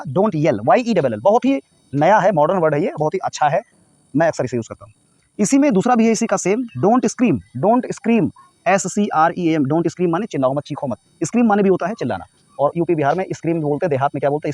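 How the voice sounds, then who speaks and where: A man's voice: on the high side, a little mellow, dry recording. A man from North India teaching everyday English phrases, explaining each one and spelling words out letter by letter. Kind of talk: spoken English lesson.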